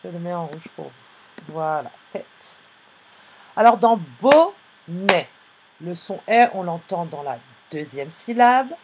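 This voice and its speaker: A woman with a fairly low, animated voice teaches phonics to young pupils in a live online class against a noisy background. She speaks slowly and clearly, patiently spelling out sounds and letters.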